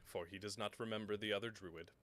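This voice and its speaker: A man narrating a tabletop game as game master, halting and full of ums and self-corrections. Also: lowish voice, fairly even intonation, a bit bright.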